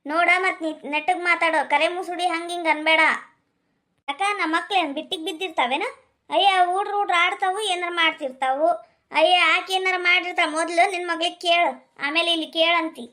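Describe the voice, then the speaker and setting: A woman voicing a sharp-tongued village mother in a cartoon, bickering and scolding with a North Karnataka accent. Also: very high-pitched, fairly even intonation, brisk. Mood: quarrelsome. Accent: North Karnataka Kannada.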